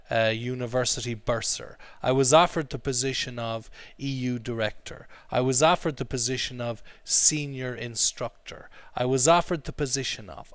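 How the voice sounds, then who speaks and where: A man leads an English lesson, explaining words and having the class repeat phrases after him. His voice is mid-pitched, and the recording sounds dry and close. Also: fairly bright tone, dry recording. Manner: drills pronunciation, repeating phrases for students. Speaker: English teacher.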